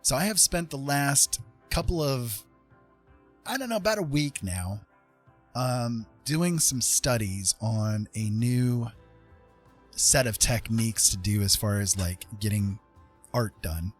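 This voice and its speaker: Speaking slowly but with plenty of energy, this male livestream host chats loosely with viewers at a medium pitch. There's soft music in the background.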